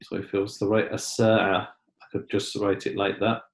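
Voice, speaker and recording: A man's voice: on the low side, little pitch movement, slow, creaky, reverberant. A man teaching an Arabic lesson, patiently explaining in English and Arabic. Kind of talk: online language lesson.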